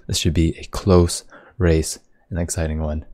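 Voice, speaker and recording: A man commenting live on an esports race, upbeat and easily excited by split times, often filling with "like". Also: extremely low pitch, moderate pace.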